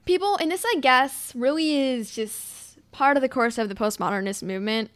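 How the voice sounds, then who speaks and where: A young woman hosting a solo commentary podcast, talking in an impassioned way with restarts and quick asides. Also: sits high, fairly bright tone, no echo. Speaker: podcast host.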